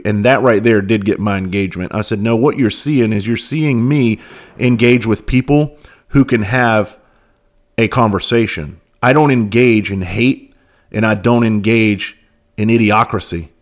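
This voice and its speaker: Blunt, profane man with a low voice. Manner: blunt, profane, rhetorical questions; repeats words when starting sentences. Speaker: podcast host, former police officer. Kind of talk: casual monologue.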